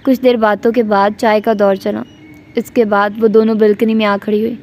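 In a flat, slightly mellow mid-range voice at normal speed, a woman reads a romance novel as an audiobook. She speaks the narration and gives voice to every character herself, with slight noise in the background.

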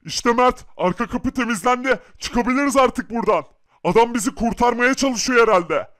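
A man, the channel host, playing a father who desperately searches for his wife and son among zombies, shouting and then whispering. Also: very high voice, normal speed. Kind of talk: game story acting.

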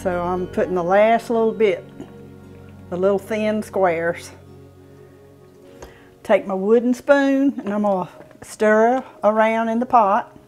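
Slow and punctuated by long pauses, her medium-pitched, darkish voice belongs to a woman in her sixties with a Southern US accent. As host of a home cooking show, she gives a folksy, informal demonstration in her home kitchen, explaining step by step while working, with faint music behind and a clip-on lapel mic picking her up.

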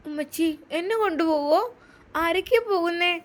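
A woman doing a small curious girl, high and eager. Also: normal speed. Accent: Malappuram Malayalam. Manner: excited, questioning.

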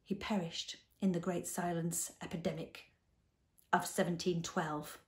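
A woman reading a children's chapter book aloud with expressive, unhurried narration. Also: fairly low pitch. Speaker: audiobook reader. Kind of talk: storybook reading.

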